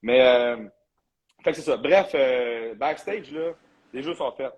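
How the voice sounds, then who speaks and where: A man's voice: medium pitch, measured pace, a little hiss or hum, low-quality recording. A man with a Quebec French accent, a bodybuilding coach hosting a casual live chat in a loose, talkative way, sprinkling in English slang.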